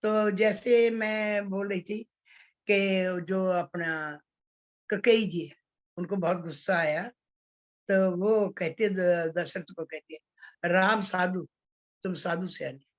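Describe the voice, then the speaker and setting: A woman teaching poetry, explaining figures of speech slowly with many fillers and restarts. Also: medium pitch, dull audio. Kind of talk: online class on Hindi poetics.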